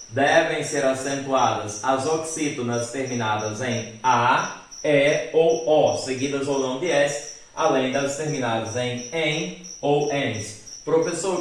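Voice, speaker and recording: Male teacher, slow and deliberate delivery, spells out word endings; very echoey room, mic at a distance. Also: mid-range voice. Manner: asks questions in a student's voice and answers them. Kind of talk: recorded grammar lesson.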